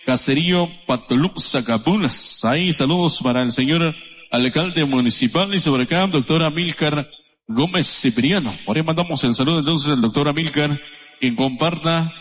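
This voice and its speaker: A man from Guatemala hosting live radio and reading out listener greetings one after another in a brisk, repetitive way. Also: a little high, a bit bright. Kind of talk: live radio shout-outs. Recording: long hall reverb.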